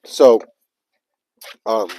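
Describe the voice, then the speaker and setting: A livestream vlogger casually tells a story, swearing a lot and animatedly acting out his own panicked inner dialogue. He speaks very slowly, and the recording is rough.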